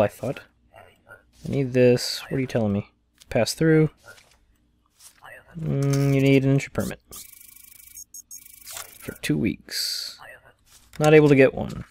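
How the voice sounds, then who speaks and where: A man's voice: medium pitch, unhurried, vocal fry, pauses often, a little mellow. Chatty male let's play host with a mid-range voice, talking casually as he plays. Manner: chatty, reads game text aloud as he plays. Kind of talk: casual gameplay commentary.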